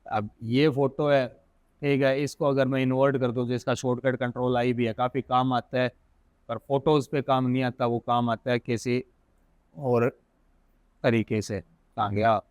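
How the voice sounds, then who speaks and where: Casual Indian man teaching software. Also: medium pitch, little pitch movement, normal speed, dry recording. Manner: casual, thinks aloud, corrects himself. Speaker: software instructor. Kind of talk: screen-recorded software tutorial.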